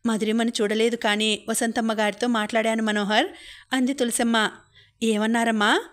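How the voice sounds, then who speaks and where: Woman narrator, audiobook reading, steady and flat, takes all roles in her own voice. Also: fairly high pitch, normal speed. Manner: even, flat delivery, voicing all characters in her own voice. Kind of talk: reading a novel aloud.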